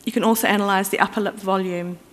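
At a conference, a woman delivers an explanatory, conversational talk at a quick pace, with fillers and restarts along the way. Her voice sits in the mid range with fairly even intonation, and the hall she's in is reverberant.

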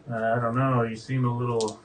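A man speaking in character at a tabletop game in a flat, wary way. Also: medium pitch, brisk. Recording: distant mic, loud noise.

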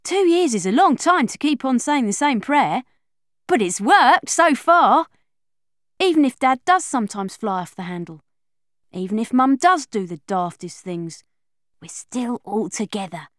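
Unhurried and a little high in pitch, a woman narrates a children's audiobook in the first person as a young girl with a chatty, confiding, lively schoolgirl manner. The audio is studio quality, with no room sound.

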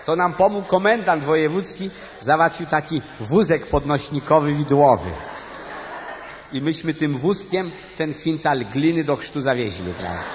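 A man's voice: on the high side, background noise. A man performing a live cabaret monologue, chatting straight to the audience in a storytelling manner with tag questions. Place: stage before a live audience. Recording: live stage recording with long hall reverb and music.

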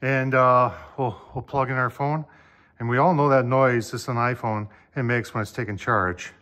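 A man's voice: mid-range voice, fairly even intonation, normal speed, fairly bright tone. An older man chatting casually at home in his kitchen, reviewing a product in a folksy way, calling his viewers "folks", with the phone camera close at hand.

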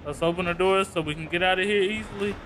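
A man's voice: high-pitched, steady tone, fast talker, a bit bright, a little hiss or hum. A man commentating a horror game as a hyped gamer bro, slangy and profane. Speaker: gaming video host.

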